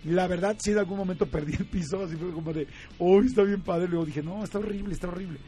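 Animated Mexican man telling a story. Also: sits high, quick pace, soft background music. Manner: animated, laughs often, acts out quoted voices. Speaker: guest. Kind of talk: casual storytelling.

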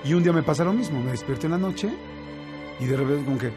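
A man with a Mexican Spanish accent recounts a story in relaxed conversation. His voice sits slightly high for a man, and his telling is lively and full of fillers and restarts. Faint music plays underneath. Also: fast talker. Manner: animated, with many fillers and restarts. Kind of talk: casual storytelling chat.

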